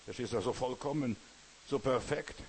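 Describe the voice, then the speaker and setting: A man's voice: medium pitch, moderate pace, slight background noise, low-quality recording. A man preaching a sermon in an earnest way, speaking straight to the listener and checking again and again that they follow. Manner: earnest, addresses listener directly with repeated "verstehst du".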